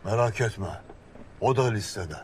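A man's voice: fairly low pitch, measured pace, a little mellow, husky. A man playing a sardonic senior militant comrade who drily humours his junior in comic dialogue. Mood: dry, sardonic.

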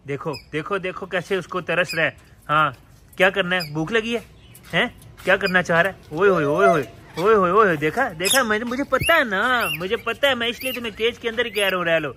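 A young man chats playfully with his animals, scolding and coaxing them. His voice sits a little higher than most men's. Loud birdsong and chirping run behind him in the yard. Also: a little fast, background noise. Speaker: pet and bird vlogger. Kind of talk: casual vlog narration talking to pets. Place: home yard with pet cages. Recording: outdoor recording with loud birdsong.

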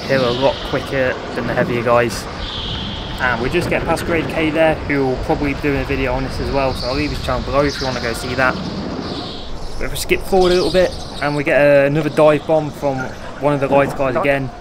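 A man's voice: medium pitch, fairly even intonation, quick pace. A man giving casual, informal race commentary as a voice-over for a karting video. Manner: informal, dialectal grammar. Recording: noisy, outdoor-like vehicle and ambient noise.

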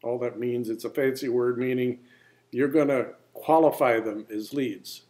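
A man's voice: mid-range voice, steady tone, measured pace, warm tone, slight background noise. Folksy, plain-spoken man giving a business talk. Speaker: business presenter. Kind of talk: informal marketing talk.

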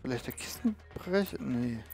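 A man's voice: mid-range voice, animated, moderate pace, creaky, darkish tone. A man giving casual, off-the-cuff gameplay commentary, repeating words as he searches for them. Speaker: let's play host. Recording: game music behind the voice. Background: video game music.

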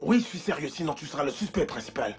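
A man dubbing a controlling husband in a French film dub, soothing but insistent as he urges his wife to stay quiet. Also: on the high side, very animated, quick pace, faint music behind. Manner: soothing yet pressing, insistent. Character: controlling husband hushing up a death.

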